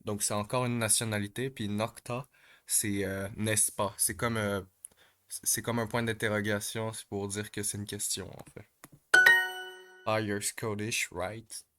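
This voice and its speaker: A man calmly explains language exercises step by step, pausing often and filling gaps with hesitations. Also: fairly low pitch, faint music behind. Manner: hesitant, many pauses and fillers.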